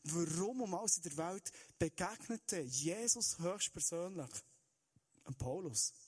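A man's voice: high-pitched, lively intonation, a little slow, darkish tone, breathy edge. A man, preaching an Easter sermon in an earnest way and speaking straight to his listeners. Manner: earnest, direct address to listeners, shifting pace.

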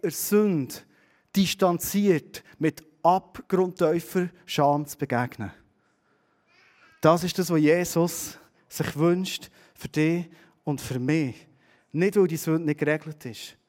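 With a fairly high pitch and a Swiss German accent, a middle-aged man delivers a sermon full of animated stories. His volume swings between loud and hushed.

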